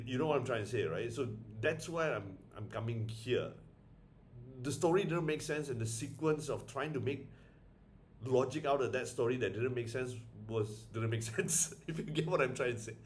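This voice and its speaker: A man's voice: mid-range voice, slight background noise. A man giving a casual spoken movie review, rambling with many restarts, exasperated and laughing often.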